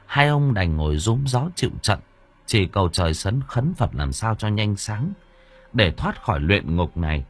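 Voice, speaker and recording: A man narrates a story in a low, husky voice. His delivery rises and falls with lively, dramatic swings. Soft music runs faintly underneath. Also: normal speed. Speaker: audiobook narrator.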